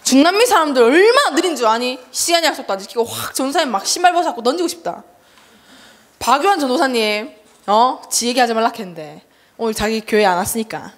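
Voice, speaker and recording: A young woman evangelist giving a lively, chatty sermon to a children's service, acting out voices and laughing as she tells stories. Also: high-pitched, fast talker. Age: young adult. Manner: chatty and animated, acts out relatives' voices with laughter. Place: church hall.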